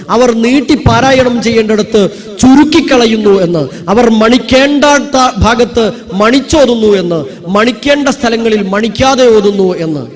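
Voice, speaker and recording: A man's voice: sits high, a little mellow, in a large hall. A man teaching Quran recitation to a live audience, quizzing them and having them answer aloud. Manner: call-and-response drilling, prompting the crowd to answer aloud. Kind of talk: live religious class talk to an audience. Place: large hall with an audience.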